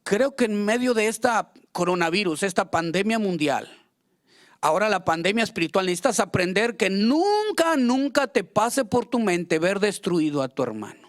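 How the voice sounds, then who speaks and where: A man's voice: high-pitched, big pitch swings, moderate pace. A man preaching a fervent sermon as pastor, acting out quoted prayers and complaints.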